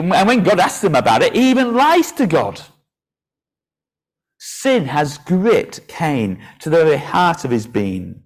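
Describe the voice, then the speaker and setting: Male preacher, lively sermon voice, pitch rising and falling a lot, asks kids questions. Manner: animated, asks questions to children in the congregation.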